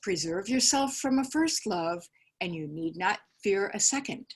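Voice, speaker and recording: A woman reading the part of a cool, composed genteel older lady who lectures in a measured, prim way, over a video call. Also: medium pitch, lively intonation, husky. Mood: advising.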